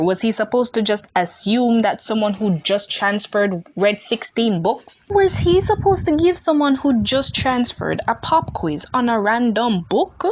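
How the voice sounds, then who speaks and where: A woman's voice: fairly high pitch, no room sound, lo-fi sound. A woman giving a blunt, sarcastic rant while reviewing a TV show.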